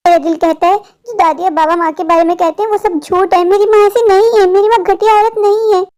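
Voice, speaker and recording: A woman's voice: very high-pitched, fairly even intonation, a little fast, darkish tone. A woman voicing a determined little girl who earnestly searches for her mother and keeps talking to herself, in a cartoon story. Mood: anxious. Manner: earnest, pleading, talks to herself.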